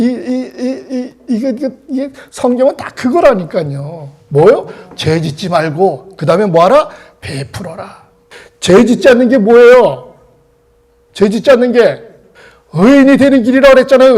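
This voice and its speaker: A man's voice: high-pitched, a little mellow. A man teaching a Bible study, reading scripture aloud and repeatedly asking rhetorical questions. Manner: asks rhetorical questions and repeats phrases for emphasis; reads scripture aloud in archaic phrasing.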